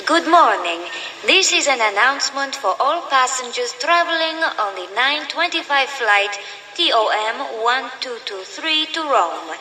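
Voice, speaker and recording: Female airport announcement role, acted: polite, formal, fairly high bright voice, faint noise behind. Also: animated, a little slow, heavily acted, poor audio. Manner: polite, formal, clearly enunciated. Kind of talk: airport and airline announcement, scripted.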